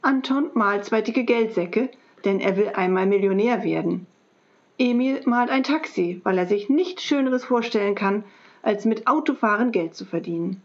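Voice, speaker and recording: A woman reading a children's book aloud in a calm, steady storytelling voice. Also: mid-range voice, moderate pace. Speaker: school librarian reading aloud. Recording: dull lo-fi recording.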